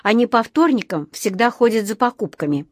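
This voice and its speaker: A woman voicing a small, polite, naive bear cub with a bright, earnest voice. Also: on the high side, animated, fairly quick, dry recording, clean studio sound.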